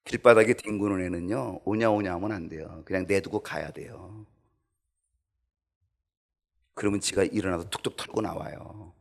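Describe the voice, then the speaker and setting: A man preaching a sermon as pastor in a church, animated and acting out quoted voices. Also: sits low, normal speed, gravelly, pauses often.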